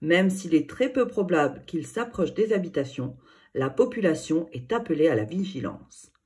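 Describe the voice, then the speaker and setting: A woman's voice: deep voice, lively intonation, normal speed, darkish tone, husky, exaggerated voice. A woman reading a storybook, voicing a formal radio news presenter with an emphatic, announcing delivery.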